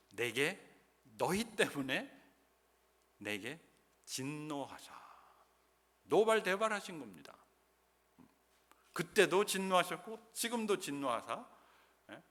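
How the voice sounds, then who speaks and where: A man's voice: on the high side, big pitch swings, measured pace, pauses often, a bit bright. A man preaching a sermon as pastor, emphatic and often putting questions to the congregation. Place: church sanctuary. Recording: long church reverb.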